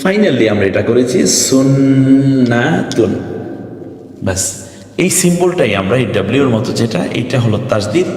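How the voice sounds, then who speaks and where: A man at a middle pitch leads a step-by-step recitation lesson, patient and encouraging. He slows down to chant each Arabic word for his students. His voice carries a roomy, lingering echo. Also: expressive, darkish tone. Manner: patient, coaxing, chants Arabic words slowly. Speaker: Quran reading teacher.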